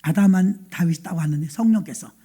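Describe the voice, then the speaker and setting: A woman's voice: fairly low pitch, quick pace, warm tone, breathy edge. A middle-aged woman pastor preaching a sermon, telling the story with animation and asking the congregation questions.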